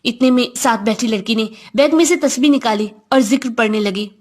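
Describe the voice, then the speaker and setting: A woman reading a first-person story aloud in a reflective, confiding manner. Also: a little high.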